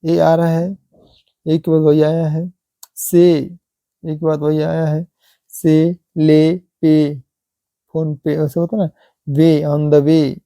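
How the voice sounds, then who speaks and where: A man teaching English pronunciation, repeating example words slowly and asking rhetorical questions. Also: fairly high pitch, level tone, dark tone, dry recording. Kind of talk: slow classroom explanation.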